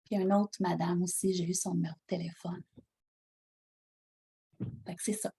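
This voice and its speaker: A woman's voice: lowish voice, normal speed, breathy edge. A woman with a Québécois accent, ill with pneumonia, telling a story animatedly in casual talk and acting out the dialogue. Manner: animated, acts out dialogue, laughs while telling. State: ill with pneumonia, prone to coughing. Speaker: coaching call participant. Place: at home.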